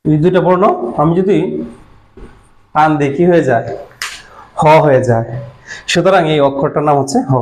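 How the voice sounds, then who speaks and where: A man's voice: fairly high pitch, darkish tone, rough recording. A man with a Bangladeshi Bengali accent teaching a language lesson, patiently explaining and answering his own questions. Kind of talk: classroom lesson.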